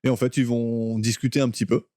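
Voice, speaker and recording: Guy on a podcast, mellow low-key voice, dry close mic, chatty, acts out quotes. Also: fast talker, no room sound. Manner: animated, acts out quoted lines in character voices. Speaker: podcast co-host. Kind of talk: casual film discussion.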